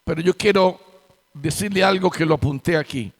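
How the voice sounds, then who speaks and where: A man's voice: on the high side, moderate pace. A man preaching a sermon as pastor, emphatic and full of rhetorical questions. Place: church sanctuary. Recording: long hall reverb in church.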